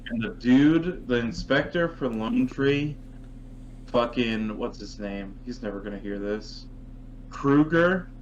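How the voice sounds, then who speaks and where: Slow-talking man griping on a dull mic. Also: medium pitch. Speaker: podcast co-host. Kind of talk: casual chat. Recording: dull mic with faint hum.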